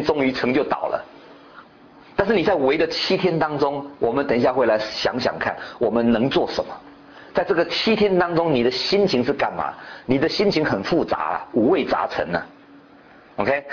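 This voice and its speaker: Lively, questioning male preacher. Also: on the high side. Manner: animated, quizzing the congregation with repeated rhetorical questions. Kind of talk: sermon. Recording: dull lo-fi recording.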